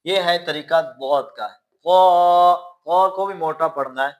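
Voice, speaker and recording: A man teaching Quran pronunciation, stretching out each letter sound and then calmly explaining how to make it. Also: a little high. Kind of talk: slow letter-by-letter pronunciation lesson.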